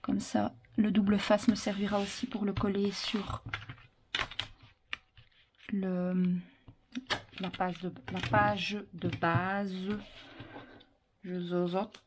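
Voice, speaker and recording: A woman's voice: medium pitch, monotone, takes it slowly, long pauses. A woman presenting an informal step-by-step craft tutorial, giving instructions as she works with her hands. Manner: instructional, talking while working. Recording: clearly noisy with handling clicks.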